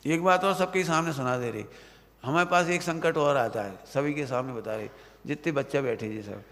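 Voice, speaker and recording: A man's voice: mid-range voice, moderate pace, a bit bright. A man giving a stern Hindi religious discourse to students, often checking whether they have understood. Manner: stern, admonishing, asks listeners if they understood. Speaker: Jain preacher. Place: hall of a Jain study centre, at night. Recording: long hall reverb.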